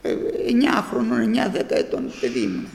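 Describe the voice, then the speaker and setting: A man's voice: high-pitched, wildly swooping pitch, gravelly, darkish tone. Fervent preacher man in an echoing hall. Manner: fervent, rising to exclamations. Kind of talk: sermon.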